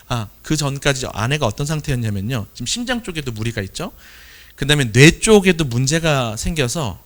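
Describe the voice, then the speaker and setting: A man, a pastor, giving a sermon testimony and telling a story with acted quotes. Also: mid-range voice.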